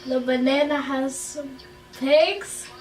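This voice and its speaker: A woman in casual, playful chat, deliberately repeating short phrases as part of a game. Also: sits high. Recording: echoey room with music behind.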